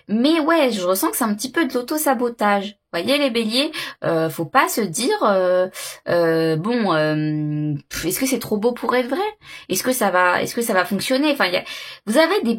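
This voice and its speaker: A woman with a slightly husky, breathy voice reads tarot cards for her viewers in a relaxed, searching way. She pauses often on fillers and repeats her words as she works out what she senses. Her pitch sits in an ordinary middle range. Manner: hesitant, many fillers and repeated words, intuitive musing. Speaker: tarot card reader. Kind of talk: casual monthly tarot reading to camera.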